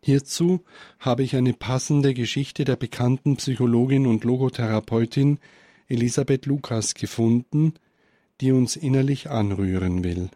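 Man, spiritual speaker, contemplative Christmas reflection, measured, mellow tone. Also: medium pitch, no echo. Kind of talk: Christmas reflection and story reading.

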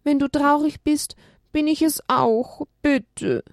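Lady doing a little crying animal begging its brother to get up, high and slow. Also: creaky, no room sound, clean studio sound, exaggerated voice. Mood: pleading. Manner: pleading, tearful. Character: small young animal, tearful and pleading.

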